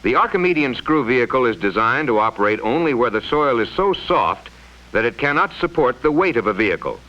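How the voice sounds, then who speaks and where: This mid-range male voice explains things formally, as the narrator of a science film from the mid-twentieth century. His intonation is lively and his pace fairly quick, heard through muffled, lo-fi vintage audio.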